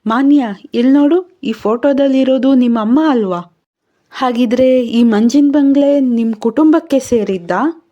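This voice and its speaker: A woman voicing a steady, protective young male reporter in a storybook reading, reassuring and taking charge. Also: on the high side, a little slow, muffled recording, lightly acted. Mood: urgent.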